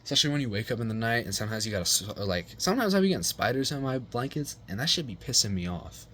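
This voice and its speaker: A man's voice: mid-range voice, sing-song, very fast, a bit bright, a little hiss or hum. A young man casually telling a rambling personal story, full of swearing, slang and fillers.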